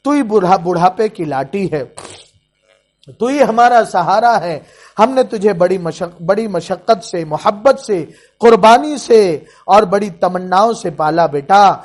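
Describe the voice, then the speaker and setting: A man's voice: high voice, expressive, a little mellow. A man voicing a grieving old father. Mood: sorrowful pleading. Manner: sorrowful, pleading. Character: aging grieving father pleading with wayward son.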